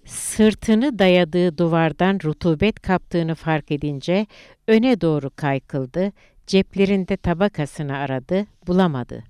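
A woman reading a literary novel aloud in a measured, deliberate audiobook narration. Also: on the low side, a little mellow, clean tone, no echo, studio quality.

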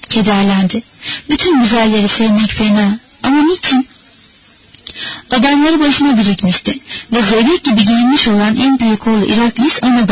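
A woman narrating a novel as an audiobook in a measured, steady reading manner. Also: fairly high pitch, slight background noise, rough recording. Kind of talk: scripted narration.

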